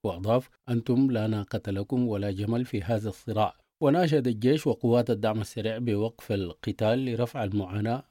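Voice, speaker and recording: A man's voice: fairly low pitch, fast talker, dark tone, dry recording, studio quality. A man reading scripted radio news as a presenter.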